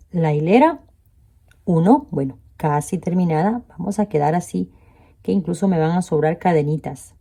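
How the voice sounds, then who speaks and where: Slow, mellow woman counting crochet stitches. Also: on the low side. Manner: addresses viewers directly with "¿ven?". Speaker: crochet instructor. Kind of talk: step-by-step crochet tutorial.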